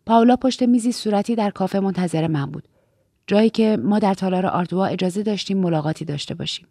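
A woman narrates a novel in the first person, calm and measured. Her voice is gravelly and husky, and the close recording is completely dry. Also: medium pitch, no room sound. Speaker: audiobook narrator.

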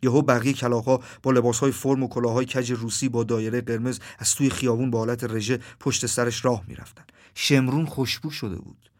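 A man narrates a dreamlike literary story in a measured, soft voice. His pitch sits in the ordinary middle range for a man. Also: fairly even intonation.

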